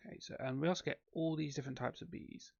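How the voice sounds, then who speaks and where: Gravelly man narrating his gameplay. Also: on the high side, fast, no echo, dull audio. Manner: relaxed, rambling, frequent ums and self-corrections. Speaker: let's play host. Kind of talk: casual gameplay commentary.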